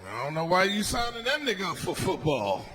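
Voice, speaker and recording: A man from Washington, D.C., doing a stand-up comedy set on a club stage, loud, dropping low and mumbling then shouting his punchlines. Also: huge pitch swings, fairly quick, over a noisy crowd. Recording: live club recording with ambient noise.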